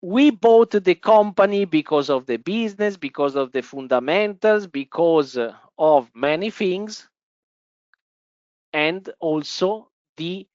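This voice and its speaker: A man from Italy, speaking with an Italian accent in a voice on the high side, hosts a live stock-investing webinar from an office in the Italian part of Switzerland. He addresses viewers with many fillers and restarts, and the recording is dry and lo-fi.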